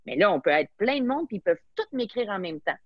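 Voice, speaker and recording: A woman's voice: mid-range voice, sing-song, fast, no room sound, highs cut off. A woman from Quebec with a Québécois French accent, speaking enthusiastically as a guest in a webinar interview and mixing in English words.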